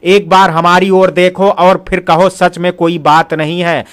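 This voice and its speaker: A man's voice: sits high, level tone, a little slow, a bit bright, clear, resonant tone. A man voicing a worried mother who earnestly reproaches her son in an audio story. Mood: reproachful.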